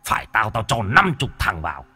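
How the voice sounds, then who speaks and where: A man's voice: fairly low pitch, wildly swooping pitch, a little fast, pushed and bright, husky, soft background music, full character voice. A man voicing a coarse, rowdy old male ghost from the underworld who heckles like a sports fan.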